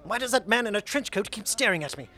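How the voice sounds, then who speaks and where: A man playing an excitable pursuer in a comedy sketch, exclaiming melodramatically to himself. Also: high-pitched, fast talker. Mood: suspicious. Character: excitable amateur chaser narrating his own pursuit.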